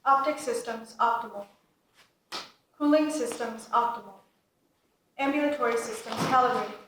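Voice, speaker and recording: A woman voicing a female android that reboots and runs its system diagnostics, giving flat, clipped status reports. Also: fairly high pitch, normal speed, lightly acted. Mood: flat mechanical. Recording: very echoey room, distant mic, faint hiss.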